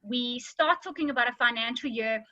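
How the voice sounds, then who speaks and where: A woman, a lawyer, giving a clear explanatory webinar talk with a slight slur from recent dental work. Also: fairly high pitch, normal speed, sharp tone, no room sound, highs cut off. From South Africa. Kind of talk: webinar presentation.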